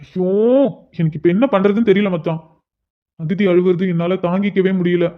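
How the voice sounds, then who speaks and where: A man's voice: high-pitched, steady tone, a little fast, close to an everyday voice. A man voicing an earnest young man in a cartoon, talking to his friend about his troubled little sister. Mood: worried. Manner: earnest, pleading, calls his friend "machan". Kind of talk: cartoon voice acting. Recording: dull lo-fi sound.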